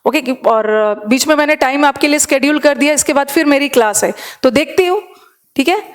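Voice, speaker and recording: High-voiced Indian woman teaching online. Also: a little fast. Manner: chatty, mixes Hindi and English, reads student comments aloud. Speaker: English teacher. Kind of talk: live online class chat.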